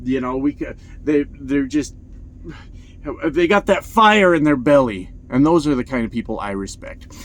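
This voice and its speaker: A man talking in a casual vlog about trucking, blunt and profane, telling stories with lots of energy. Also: fairly high pitch. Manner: blunt, profane, animated storytelling. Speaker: truck driver vlogger. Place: inside his truck cab.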